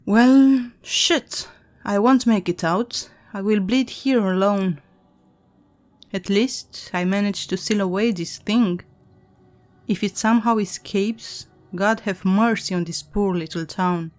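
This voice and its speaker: A desperate man in his thirties, trapped and making urgent first-person confessions in a horror story, as a woman reads him. The voice is plain and earnest and runs on a level, everyday pitch. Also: a little slow, darkish tone, close to an everyday voice. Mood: resigned.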